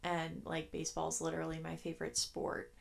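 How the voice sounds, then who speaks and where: A young woman in her twenties talks through her childhood memories on a solo podcast recorded in her bedroom. Her voice sits on the low side with a gravelly, fry-filled texture, and she rambles in a chatty, easygoing way. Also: completely flat delivery, fairly quick. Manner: chatty, rambling, laughs between thoughts. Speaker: podcast host. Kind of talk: casual solo podcast storytelling.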